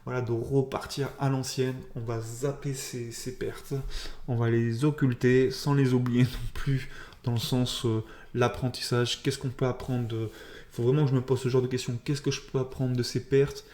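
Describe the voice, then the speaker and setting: A man with a slight lisp gives an informal video debrief as a trader, halting and self-critical as he thinks aloud. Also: medium pitch, flat delivery, darkish tone, roomy sound. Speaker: trader keeping a video diary.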